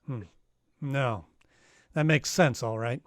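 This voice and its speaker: In a first-person noir radio style, a man plays and narrates as a private detective who never gets rattled and always has a quip ready. His mid-range voice moves slowly and sounds natural, dry and wry, with no room sound at all.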